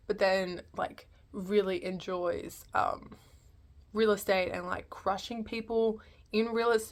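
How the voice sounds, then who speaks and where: Woman, film reviewer, medium pitch, casual unscripted talk, hesitant, rambling, thinking out loud.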